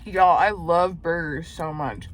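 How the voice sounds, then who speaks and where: A woman's voice: on the low side, slow, a little hiss or hum. A young woman chatting casually and profanely while eating in a parked car, often dropping to a near whisper. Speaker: mukbang vlogger.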